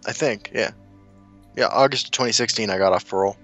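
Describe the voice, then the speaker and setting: A man from South Dakota, raised in Kansas City, chats casually as a podcast guest, telling rambling stories and laughing easily. His voice sits on the low side and moves fast, with faint music behind him.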